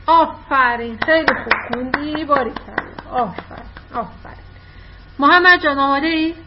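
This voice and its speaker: Brief: female teacher on a video call, higher-pitched, warmly praising, lo-fi dull sound. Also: background noise. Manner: encouraging, quick to praise. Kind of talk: online class, coaching children to read aloud. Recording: dull lo-fi online call audio.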